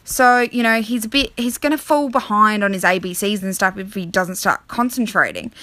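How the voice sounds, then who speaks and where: A woman's voice: mid-range voice, normal speed, pushed and bright, dry recording, close to an everyday voice. A woman voicing a patient female schoolteacher carefully explaining a child's progress. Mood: concerned.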